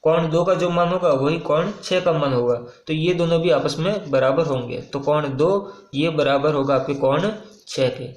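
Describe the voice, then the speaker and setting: Chatty higher-voiced male maths teacher. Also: echoey room, poor audio. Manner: explains step by step, often asking and answering his own questions; casual, with frequent "uh" pauses and repeated phrases. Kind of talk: whiteboard maths lesson.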